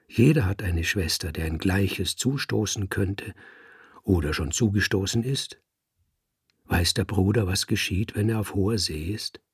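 A man voicing an expedition artist giving hushed, urgent warnings in a storybook reading. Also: deep voice, unhurried, breathy edge, no room sound, clean studio sound, exaggerated voice.

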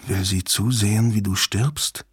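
A man voicing a menacing inner voice that speaks low and hushed, in a taunting tone. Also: steady tone, unhurried, breathy edge, no room sound, clean studio sound. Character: menacing hushed voice in a dying man's head.

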